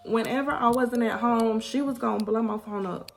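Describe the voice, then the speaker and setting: A young woman vlogger telling a personal story in a casual, animated way, often calling out to her viewers. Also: on the high side, moderate pace. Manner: animated, addresses viewers as y'all.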